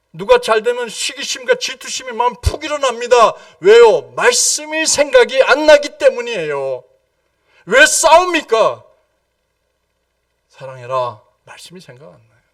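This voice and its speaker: High, lively Korean pastor preaching. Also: male voice, no room sound, clean studio sound, far from the mic. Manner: emphatic, quizzes the congregation with repeated questions; swings from loud exclamations to hushed low lines. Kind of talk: evening prayer sermon. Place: church sanctuary.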